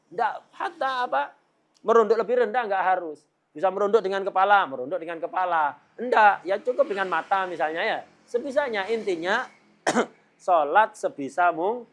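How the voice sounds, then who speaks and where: Jokey religious teacher. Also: male voice, high voice. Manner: jokey, laughs often, mimics chatter. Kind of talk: Islamic law lesson.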